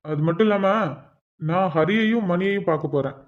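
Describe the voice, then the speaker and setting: A man's voice: sits high, fairly quick, lightly acted. A man voicing a teasing young husband and father in a cartoon, chatty and full of joking asides. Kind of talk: cartoon voice acting. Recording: dull lo-fi recording.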